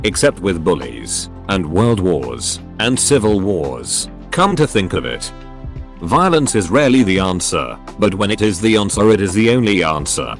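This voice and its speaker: Lively low-voiced man reading forum posts. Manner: reads out abbreviations and punctuation literally. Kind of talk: scripted narration of forum posts. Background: faint background music.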